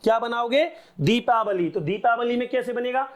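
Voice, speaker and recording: A man's voice: very high voice, normal speed. A male teacher giving a classroom lecture, asking the class short questions and answering them himself.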